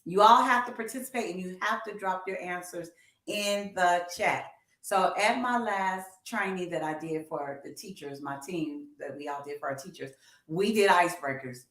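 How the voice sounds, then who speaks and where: A woman in her fifties, co-hosting a casual music talk livestream, speaks animatedly and encouragingly right to her viewers. Her voice sits on the low side with a slightly bright quality. The sound is roomy and echoey, typical of a livestream.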